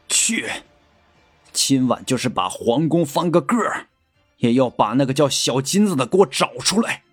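An actor voicing a cold, embittered emperor who gives stern commands. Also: male voice, medium pitch, slow pace, husky, faint music behind. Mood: commanding.

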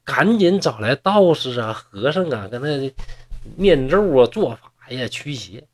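A man's voice: medium pitch, very animated, unhurried. A man with a Northeastern accent retelling a classic tale in folksy oral storytelling, chatty with asides to his listeners. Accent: Northeastern Mandarin.

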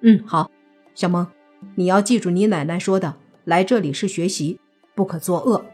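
A woman voicing a kind, easygoing young man who has become a zombie, in a relaxed, plain-spoken way. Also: fairly low pitch, normal speed, husky, faint music behind.

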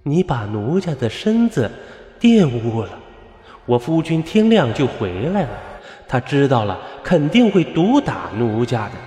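A man's voice: medium pitch, very animated, a little slow, mellow, reverberant, in a large hall, soft background music. A man voicing a wronged young woman who speaks coyly and reproachfully in a spoken ghost story. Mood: pleading.

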